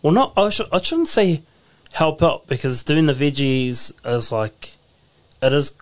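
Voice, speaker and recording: A man's voice: a little high, expressive, a little slow. A man with a New Zealand accent co-hosting a community radio show, playful and rambling as he jokes along. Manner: playful, joking, rambling storyteller. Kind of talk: casual radio chat. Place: community centre studio.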